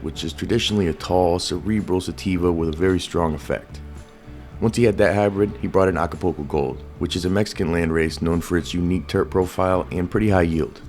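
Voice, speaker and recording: A man narrating a history in a steady, informative way, with light music behind. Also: sits low. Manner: informative storytelling. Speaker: host. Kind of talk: scripted narration.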